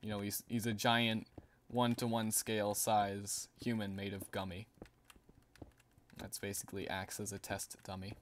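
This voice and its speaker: A man's voice: fairly low pitch, level tone, measured pace, slight background noise. A man livestreaming a game, chatting casually and rambling while reading out viewer messages, laughing now and then. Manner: rambling, chatty, laughs often and reads out chat. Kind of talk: casual gaming stream chat.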